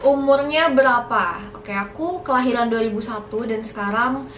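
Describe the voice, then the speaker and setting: Young woman, fairly high voice, chatty and a bit nervous, casual vlog, echoey room, faint background hum. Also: normal speed, fairly bright tone. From Indonesia. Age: young adult. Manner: chatty, slightly nervous, mixing in English words. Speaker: YouTuber.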